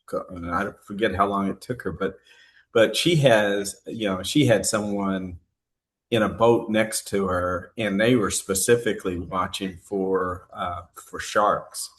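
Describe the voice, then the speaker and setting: A middle-aged man and pastor co-hosting a podcast, telling stories in casual chat with many pauses and fillers. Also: low-pitched, fairly even intonation, a bit bright, a little hiss or hum. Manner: hesitant storyteller, many "uh"s, laughs mid-story.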